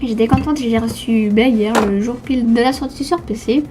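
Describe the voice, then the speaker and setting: A teenage girl with a slushy lisp on her s sounds, talking casually and haltingly as she answers questions in a vlog. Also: on the high side, over music. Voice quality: slushy lisp from new dental brace. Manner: hesitant, stumbling over words. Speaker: YouTube gamer answering viewer questions.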